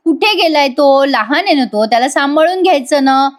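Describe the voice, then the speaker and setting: Woman reading out a fussy mother, scolding, hurrying, fairly high voice. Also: lively intonation, normal speed. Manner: scolding, hurrying everyone along. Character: bustling fussy mother of two grown sons.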